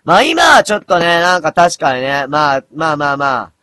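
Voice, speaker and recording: A man in his thirties chatting casually on a late-night live stream, mumbling low and then breaking into loud, rough outbursts. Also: very animated, normal speed, no echo. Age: 30s. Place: dim room at home.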